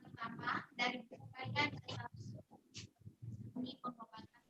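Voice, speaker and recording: A woman reading a case question aloud with halting fillers, her voice faint and distant as if the phone is held away from her on a video call. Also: a little high, steady tone, sharp tone, faint music behind. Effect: faint, distant voice on a video call, mic held far away. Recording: dull lo-fi video call audio with faint noise.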